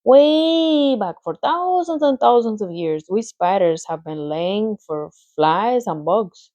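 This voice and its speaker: The audio is dull as a woman with a medium-pitched, mellow voice slowly and animatedly reads a storybook aloud. Relishing the role, she gives a clever, matter-of-fact female spider a thin, pleasant voice and a put-on accent, lecturing as she goes.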